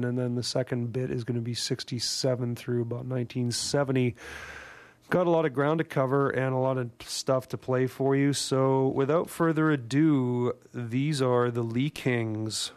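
Gravelly-voiced man hosting radio. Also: medium pitch, fairly even intonation, moderate pace. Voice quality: gravelly, raspy from a cold. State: getting over a cold. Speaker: radio host. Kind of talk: casual music show presenting. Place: radio studio.

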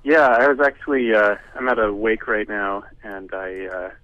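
A man's voice: lowish voice, fairly even intonation, normal speed, a bit bright, no echo. A man calling in as a guest over a breaking-up phone line, talking casually and hesitantly with many fillers. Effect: breaking-up phone connection. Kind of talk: casual chat. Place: large house, indoors.

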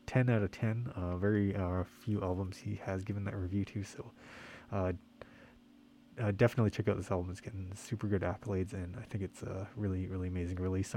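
A man hosting a music radio show in a casual, halting, quiet way, slightly muffled by the mask he is speaking through. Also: lowish voice. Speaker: radio host and DJ. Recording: faint background noise, muffled by mask.

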